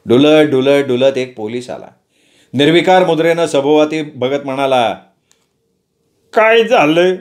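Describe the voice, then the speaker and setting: A man's voice: mid-range voice, moderate pace, darkish tone. A man narrating a story, with playful asides to the listeners.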